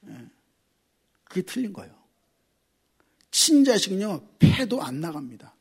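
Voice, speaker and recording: A middle-aged male pastor preaching with a high, husky voice. He talks with great animation, his pitch leaping around as he jumps from loud exclaiming to hushed asides. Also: very animated, a little slow. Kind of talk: sermon.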